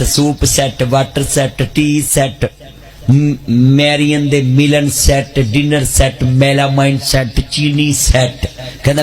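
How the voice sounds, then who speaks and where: A man telling a comic story in rapid repeated lines. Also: medium pitch, a little mellow. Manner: rapid repetitive list-telling. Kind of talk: stand-up storytelling.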